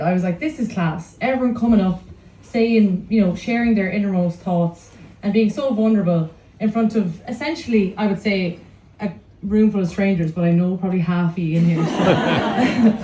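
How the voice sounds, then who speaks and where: A woman's voice: medium pitch, warm tone, recorded from a distance. A young Irish woman telling personal stories informally to a live audience, chatty and self-deprecating in the manner of an Irish storyteller. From County Laois, Ireland. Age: young adult. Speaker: speaker at a storytelling night. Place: indoor room at a live event. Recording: echoey room.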